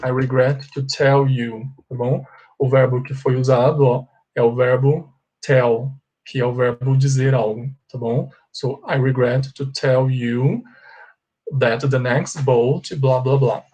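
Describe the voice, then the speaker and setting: Brazilian male English teacher, online grammar lesson, mid-pitched voice, slow careful reading of examples. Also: flat delivery, warm tone. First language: Portuguese. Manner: explains in Portuguese, reads English examples slowly.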